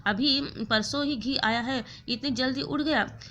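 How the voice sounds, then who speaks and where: Hot-tempered young villager, angry and demanding, bright-toned woman reading. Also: high voice, measured pace, muffled recording. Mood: quarrelsome.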